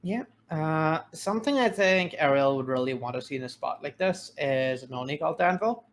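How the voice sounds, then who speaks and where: A man casting a card game match, giving color commentary in a measured, analytical manner with frequent fillers. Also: fairly high pitch, lively intonation, slight background noise. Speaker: game caster.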